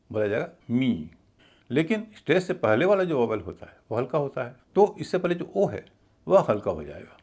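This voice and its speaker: A man giving a slow, deliberate pronunciation lesson, spelling words out letter by letter. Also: medium pitch, darkish tone, breathy edge. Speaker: English pronunciation teacher. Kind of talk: scripted lesson narration.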